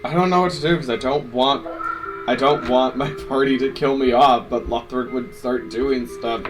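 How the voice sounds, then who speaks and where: Man player, unsure and halting. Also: mid-range voice, fairly even intonation, over music, low-quality recording. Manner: hesitant out of character, brash when in character. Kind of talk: playing a character in a tabletop game.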